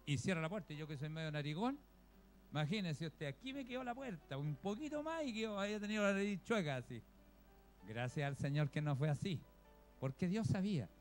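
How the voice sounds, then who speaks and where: A Chilean man preaching in a relaxed, storytelling way, his voice pitched notably high for a man. He speaks to the congregation as brothers and sisters. Faint music plays softly behind him. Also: brisk. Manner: homely storytelling, often addresses listeners as brother. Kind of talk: conversational sermon.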